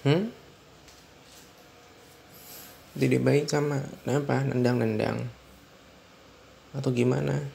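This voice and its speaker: A man's voice: medium pitch, steady tone, a little slow, vocal fry, warm tone, a little hiss or hum. A young man acting out a stern, controlling husband in an ASMR role-play, talking in a lecturing, repetitive way. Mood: worried.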